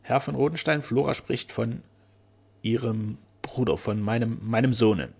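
A man's voice: medium pitch, measured pace, vocal fry, a little mellow. A man voicing a proud, joyful older duke in a storybook reading, talking in a cheerful, effusive manner.

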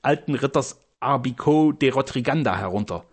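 A man's voice: mid-range voice, expressive, moderate pace, husky. A man voicing a boastful old castle steward with pompous, theatrical bluster. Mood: proud.

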